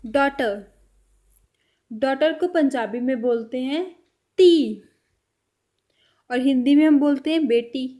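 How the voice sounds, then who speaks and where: Woman teaching vocab real slow, high voice, says each word twice and trails off soft. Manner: repeats each word slowly, trailing off softly. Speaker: language teacher.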